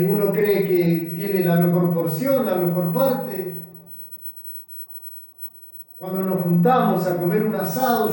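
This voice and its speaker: High-voiced pastor preaching in an echoey hall. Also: male voice. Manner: earnest, repetitive preaching cadence. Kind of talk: sermon. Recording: echoey hall, distant mic, soft music.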